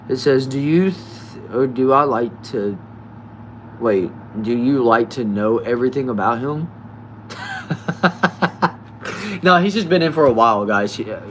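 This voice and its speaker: A nineteen-year-old man reading viewer comments aloud in a relaxed, chatty live stream, often trailing off quietly. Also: mid-range voice, a little hiss or hum. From United States. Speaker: livestreamer.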